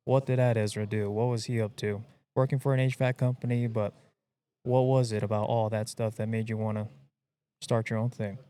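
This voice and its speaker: A man's voice: fairly low pitch, little pitch movement, fairly quick, dark tone, clean tone. A man from Hawaii hosting a podcast, chatting casually in a rambling way with lots of slang and fillers. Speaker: podcast host. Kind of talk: casual chat.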